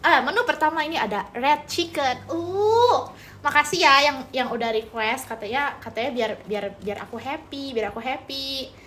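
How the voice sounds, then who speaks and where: A woman's voice: high voice, moderate pace, fairly bright tone, slight background noise. A young woman from Indonesia hosting a live mukbang stream, chatting casually with viewers and teasing them, with playful repetition and bits of English. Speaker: mukbang livestreamer. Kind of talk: casual live-stream chat reading comments.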